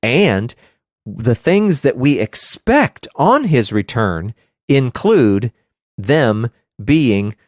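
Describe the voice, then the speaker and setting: A man co-hosting a casual Bible study podcast, animated and quick to laugh, with hammy outbursts. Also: mid-range voice, dry recording, studio quality. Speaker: podcast co-host teaching scripture.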